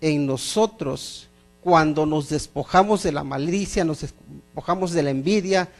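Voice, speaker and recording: A man's voice: fairly high pitch, unhurried. A middle-aged man preaching a sermon as pastor, emphatic, repeating phrases and asking the congregation questions.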